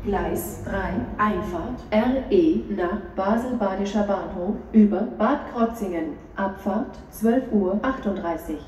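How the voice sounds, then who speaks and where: Slow, mellow woman making flat platform announcements. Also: mid-range voice, slight background noise, low-quality recording. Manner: flat, measured, segmented phrasing. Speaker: railway station announcer.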